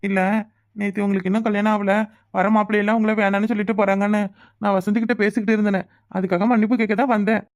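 A woman's medium-pitched, natural voice, somewhat dark in tone, races along with flat delivery. She is doing cartoon voice acting as a teasing, persistent suitor, a cheeky balding village bachelor, in a wooing mood and with a southern Tamil accent.

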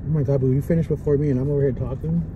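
A man's voice: medium pitch, fairly even intonation, very fast, lo-fi sound. A young man vlogging in casual chat to camera, talking earnestly and repeating his phrases. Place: sitting inside a car. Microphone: camera at dashboard distance. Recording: background noise inside a car.

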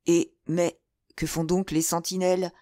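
A woman's voice: fairly low pitch, little pitch movement, a little slow, dark tone, no room sound, studio quality, lightly acted. A woman voicing a bold, cool-headed musketeer officer in an audiobook, brash and emphatic. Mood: urgent.

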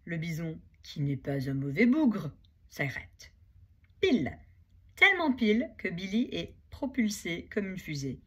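Expressive breathy storyteller, woman, children's book reading with lively intonation. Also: fairly low pitch, measured pace.

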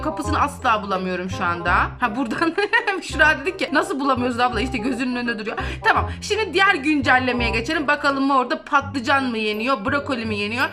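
Giggly high-voiced woman touring a game. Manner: chatty, giggles often. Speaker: gaming video host. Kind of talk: casual gameplay tour commentary. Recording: background music under voice.

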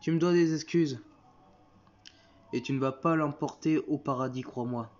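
A man's voice: on the high side, normal speed, darkish tone, natural voice. A man voicing a bossy, sarcastic middle-aged wife who scolds her husband, on a dull lo-fi recording. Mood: reproachful.

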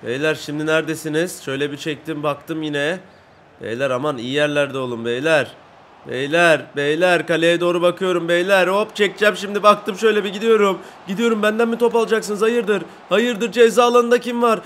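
A young man giving live commentary while playing a football video game, excitable and boastful, shouting at his teammates and chanting when he scores. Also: high-pitched, fairly quick, slight background noise. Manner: excitable, bursts into shouts and sing-song chants at goals; brags and grumbles at teammates.

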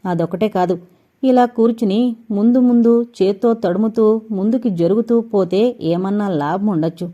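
A woman's voice: medium pitch, normal speed, warm tone, muffled recording, natural voice. A woman voicing a practical young woman who speaks plainly and matter-of-factly.

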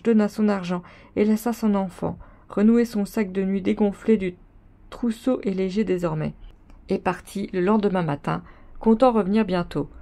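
A woman reading a classic novel aloud in a steady, plain storybook reading. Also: mid-range voice, creaky. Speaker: reader.

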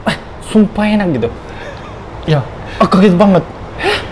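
Halting Japanese-accented man. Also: high-pitched, lively intonation, slight background noise, rough recording. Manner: halting, searching for words, frequent fillers. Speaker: guest. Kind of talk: casual interview chat.

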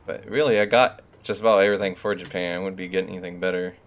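A man's voice: deep voice, fairly even intonation, fast talker. A man streaming a tank game, chatting casually with a friend and muttering to himself as he picks his gear. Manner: laid-back, mutters to himself while picking gear. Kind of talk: casual gaming chat.

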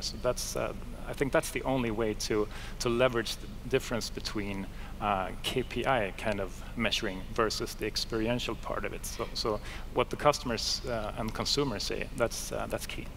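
A man's voice: on the low side, steady tone, fairly quick, gravelly, a bit bright, slight background noise. A man in his thirties speaking on a conference panel, casual and hesitant with many fillers. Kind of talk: panel discussion. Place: conference stage. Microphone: headset.

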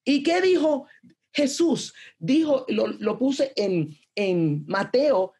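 A woman's voice: fairly high pitch, expressive, takes it slowly, warm tone, breathy edge. A woman giving an earnest, conversational devotional talk, acting out prayers with many restarts.

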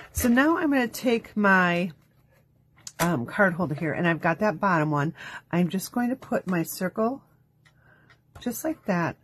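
A woman's voice: lowish voice, breathy edge. A woman hosting a live crafting demo, talking chattily step by step while losing her voice. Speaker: craft show host. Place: home craft studio.

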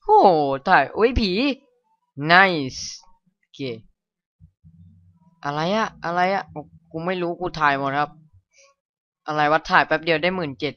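A man's voice: a little high, a little slow, long pauses, dry recording. A man playing a horror game, talking casually, swearing and yelping when startled. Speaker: gamer. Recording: dull lo-fi mic with game music. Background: game music.

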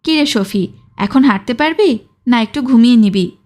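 A woman's voice: fairly high pitch, animated, moderate pace, a little mellow, close to an everyday voice. A woman narrator voicing a hardened, vengeful young male freedom fighter who speaks curtly and gives commands. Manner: curt, commanding.

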